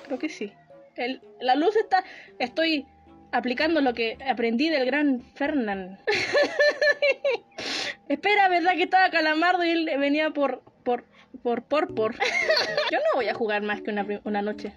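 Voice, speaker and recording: Brief: high, lively female gamer voice, jumpy and shrieky on a horror playthrough, music under it. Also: normal speed. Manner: easily frightened, shrieks and laughs nervously. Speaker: gamer playing a horror game. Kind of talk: casual gameplay commentary.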